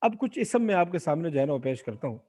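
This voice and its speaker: A man with a high voice teaches Arabic grammar over a video call. He explains a point, then puts a question to the class. He keeps asking his students to answer aloud. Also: sing-song, darkish tone. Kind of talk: online Quran Arabic grammar lesson.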